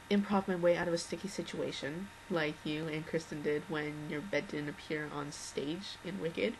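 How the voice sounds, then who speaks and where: A young woman with a low, slightly worn-out voice records an unscripted video message to a singer she's a fan of, rambling earnestly through many restarts and fillers. The recording is rough, with a little hiss or hum.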